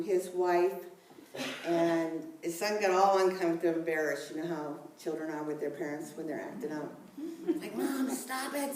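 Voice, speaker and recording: A woman's voice: fairly low pitch, a little mellow, slight background noise. Woman preaching in an echoey church. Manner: conversational, chatty asides, laughs easily. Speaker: minister. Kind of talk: sermon with personal storytelling. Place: church sanctuary. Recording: echoey room, mic at a distance.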